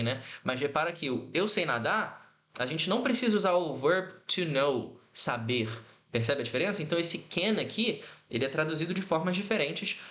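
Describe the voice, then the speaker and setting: A man teaching English in an online lesson, patiently explaining and repeating example phrases slowly. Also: fairly high pitch, fairly bright tone, reverberant.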